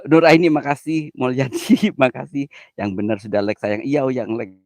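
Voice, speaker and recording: A man's voice: mid-range voice, normal speed, darkish tone, dry recording. A man hosting a casual live stream, giggly and easily flustered, mixing slang with broken English.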